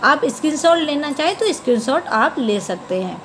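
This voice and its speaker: A woman's voice: high voice, animated, moderate pace, a bit bright, slight background noise, low-quality recording. A woman teaching a grammar lesson, patiently repeating word forms and spelling them out.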